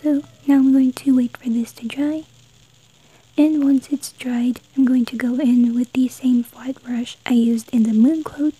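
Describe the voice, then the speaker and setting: High, whispery woman giving a craft tutorial. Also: warm tone, rough recording. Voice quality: breathy, whispery. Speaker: host of an art tutorial.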